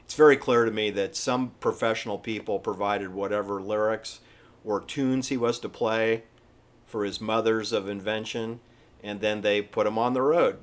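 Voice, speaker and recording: A man giving informal, opinionated history commentary in an emphatic, halting, repetitive manner. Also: on the low side. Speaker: presenter. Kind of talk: informal conspiracy-history commentary over pictures.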